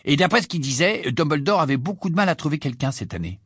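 A man's voice: on the high side, animated, quick pace, fairly bright tone, slightly rough, no room sound, clean studio sound, pitched above the performer's own voice. A man voicing a cheeky, teasing teenage wizard boy in an audiobook. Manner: teasing, mocking.

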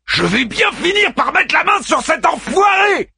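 A man voicing a desperate, furious young man who shouts. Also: very high-pitched, big pitch swings, a little slow, vocal fry, dry recording, clean studio sound, voice pushed up, full character voice.

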